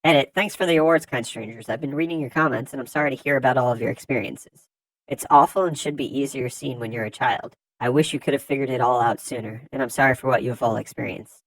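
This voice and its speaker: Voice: medium pitch, quick pace, no echo, rough recording. Dry, close-miked narrator reading forum posts. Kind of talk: scripted narration.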